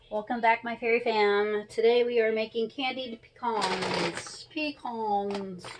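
Her voice pitched fairly high, a thirty-something woman chats her way through a home cooking lesson, explaining every step. The setting is a small indoor kitchen, and the recording is rough, with audible noise and clicking.

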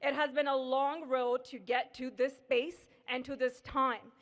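A woman's voice: sits high, level tone, unhurried, a bit bright. A middle-aged woman speaking publicly as a co-host at a podium in a hall. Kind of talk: public ceremonial speech. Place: indoor hall, on stage at a podium. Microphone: podium microphone.

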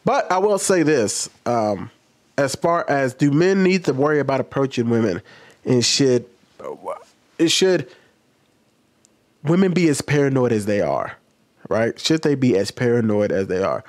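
An American man in his thirties hosts casual opinion commentary, speaking conversationally and often posing questions to himself. His voice is medium pitch with lively intonation and a measured pace. He records in a small home room studio on a boom-arm microphone.

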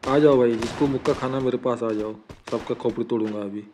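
A man giving excited, joking commentary while playing a shooting game, calling out short urgent lines. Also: medium pitch, fairly quick, background noise. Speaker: gaming streamer. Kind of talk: live gameplay commentary. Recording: game gunfire loud behind voice.

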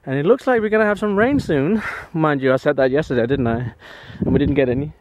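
This vlogger, a man in his thirties from Denmark, talks quickly in a fairly high, darkish voice on a dry recording. Filming his daily vlog on a handheld camera at arm's length, on a windy beach and partly at home, he chats and rambles, laughs a lot, and coos baby talk at his dog, with wind noise on the mic.

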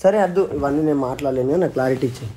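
A man's voice: mid-range voice, rapid-fire, mellow, slightly rough. A young man with a Telangana Telugu accent, bluntly ending a relationship on camera and repeatedly demanding clarity. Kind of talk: heated couple argument on camera.

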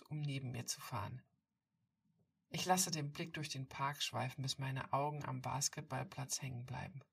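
A woman reading a first-person story aloud, intimate and softly told, on a distant mic. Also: extremely low pitch, slightly rough. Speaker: audiobook reader.

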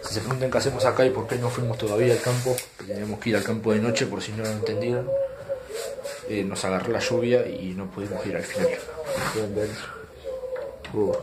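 A man's voice: on the low side, steady tone, fairly quick. A young man with an Argentine accent chatting casually for an exploration vlog, slangy and prone to swearing. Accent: Argentine Spanish. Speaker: night exploration vlogger. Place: outdoors at night, street and open country. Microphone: handheld camera or phone. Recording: noisy handheld outdoor recording.

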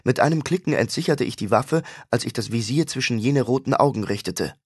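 A man narrating a fantasy audiobook in the first person with steady storytelling. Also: mid-range voice, fairly quick, breathy edge, dry recording, studio quality.

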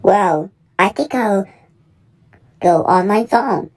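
A woman's voice: mid-range voice, takes it slowly, a little mellow, breathy edge. A woman narrating a skit and reacting plainly to what happens.

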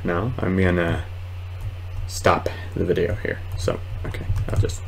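A deep, level voice moving a little slowly belongs to a man in his twenties doing casual let's play commentary. The gamer and video host rambles and mutters hesitantly to himself. The audio is clearly noisy, recorded in a small room at home.

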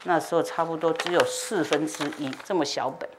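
A woman Buddhist master giving a dharma talk as a lively story, acting out dialogue and sound effects. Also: sits low, fairly quick, background noise. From China. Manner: animated, acts out dialogue with laughs and sound effects. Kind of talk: storytelling sermon. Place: temple hall.

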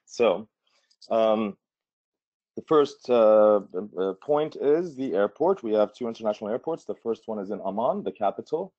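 Jordanian man, low and dry-sounding, chatty presenter who fills pauses with ums. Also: animated, warm tone, no room sound. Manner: casual, many fillers and restarts. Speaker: tourism board presenter. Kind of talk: webinar presentation. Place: Washington D.C. remote setup. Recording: dull lo-fi audio.

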